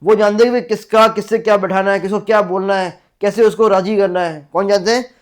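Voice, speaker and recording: A male teacher with a Rajasthani accent gives an exam-prep lecture, asking "clear?" again and again and repeating facts to drill them. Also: sits high, steady tone, fairly quick. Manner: asks the class "clear?" again and again.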